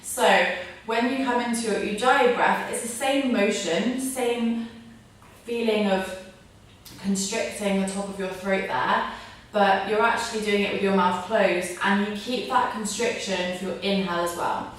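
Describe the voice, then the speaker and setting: A woman's voice: mid-range voice, steady tone, unhurried. A woman teaching a yoga breathing tutorial, giving informal step-by-step spoken instructions. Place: echoey room, mic at a distance. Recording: very echoey room, distant mic, faint noise.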